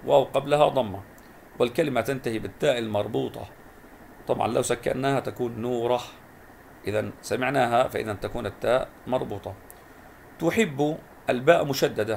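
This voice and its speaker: A man's voice: medium pitch, creaky, a little hiss or hum. A male teacher giving a recorded primary school lesson, stretching out and repeating syllables as he explains spelling.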